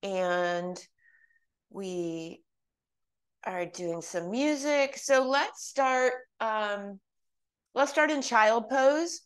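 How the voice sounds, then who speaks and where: A woman's voice: a little high, extremely slow, pauses often. Chatty woman in her fifties teaching. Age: 50s. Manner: chatty and laughing, then calm, steady exercise cueing. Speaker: fitness instructor. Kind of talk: live online exercise class.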